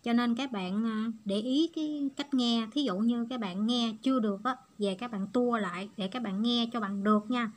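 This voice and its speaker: A woman's voice: on the high side, moderate pace, few pauses. A woman giving a patient, step-by-step online language lesson. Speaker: Japanese language teacher.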